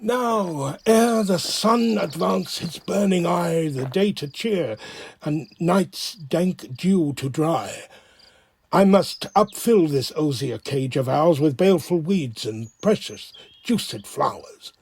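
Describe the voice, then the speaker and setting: A man acting a contemplative friar and herbalist in a Shakespearean audio drama, measured and reflective in his verse, recorded at home on a phone. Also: fairly high pitch, expressive, creaky, a little mellow, breathy edge, heavily acted. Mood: musing.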